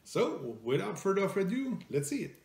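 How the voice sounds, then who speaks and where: A middle-aged man with a French Canadian accent, a native French speaker, reviewing a product in casual talk, halting with many fillers and restarts. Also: sits high, big pitch swings, creaky, a little mellow. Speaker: food reviewer host. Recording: echoey room.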